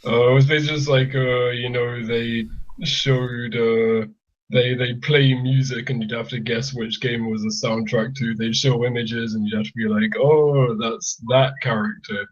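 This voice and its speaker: A young man chatting casually on a podcast, eager and quick to joke. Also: medium pitch, flat delivery. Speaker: podcast regular. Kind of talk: casual chat. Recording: dull lo-fi mic.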